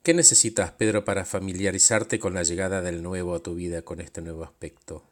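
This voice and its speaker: A man, a coach narrating and asking calm, reflective questions. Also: low-pitched, fairly quick.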